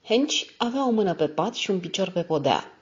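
A woman narrating an audiobook in a steady, even reading style. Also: on the low side. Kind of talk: scripted narration. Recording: dull lo-fi audio.

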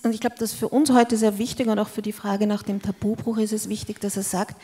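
A woman's voice: mid-range voice, fairly even intonation, fairly quick, warm tone, husky. A woman moderating a panel discussion in a large hall, guiding with questions and explanations on a handheld mic.

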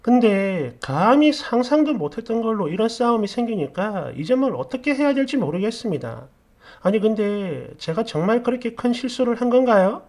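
Woman telling a story with a lively voice. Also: on the high side, moderate pace. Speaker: story narrator. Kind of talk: first-person narration of a reader's story.

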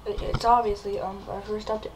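A woman's voice: medium pitch, little pitch movement, normal speed, darkish tone, slight background noise, poor audio. A woman vlogger hamming it up in a comedy video, acting mock-frightened and repeating her words. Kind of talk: comedic vlog.

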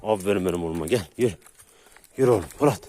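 A man vlogging to his viewers while walking dogs outdoors at night on a dark street, hesitating with drawn-out fillers and calming the dogs with repeated calls. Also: low-pitched, a little hiss or hum. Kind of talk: casual vlog talk to viewers.

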